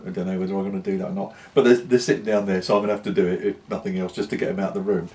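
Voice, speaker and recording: A British man in a casual, unscripted vlog chat, talking in an unhurried, rambling way with pauses. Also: low voice, fairly even intonation, dark tone. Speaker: pipe-smoking vlogger.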